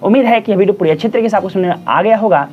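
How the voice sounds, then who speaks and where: A teacher talks through a grammar lesson at a steady middle pitch, repeating definitions and asking questions aloud before answering them. The recording sounds dull and lo-fi, with faint music underneath. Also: very fast. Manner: patient, repeats each definition, asks and answers its own questions; addresses listeners as friends and children. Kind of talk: classroom-style grammar lesson.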